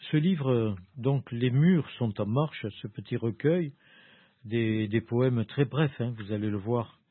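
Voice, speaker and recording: A man presenting a small poetry book in a casual, slow way, with many fillers and restarts. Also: mid-range voice, no room sound. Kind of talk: casual spoken book review. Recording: dry, phone-like narrow sound.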